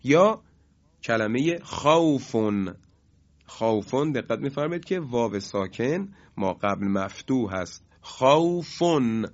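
Male recitation teacher, mid-pitched, measured explanations with sung examples, muffled recording. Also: animated. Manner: explains slowly, chants examples drawn out. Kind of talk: lesson on tajwid rules. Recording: dull lo-fi recording.

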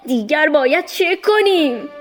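A woman's voice: high-pitched, animated, voice pushed up. A woman voicing an anxious royal servant who pleads in an agitated way.

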